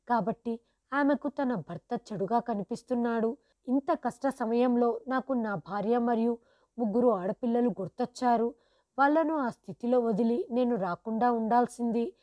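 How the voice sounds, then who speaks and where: A woman narrating, in the first person, a sad family story as an old father, in a steady, sorrowful storytelling manner. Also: a little high, no echo, dull audio.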